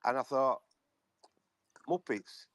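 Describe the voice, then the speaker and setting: A man giving blunt, halting football opinions over a remote call on a fan podcast. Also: mid-range voice, crowd noise. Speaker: podcast regular. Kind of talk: casual football chat.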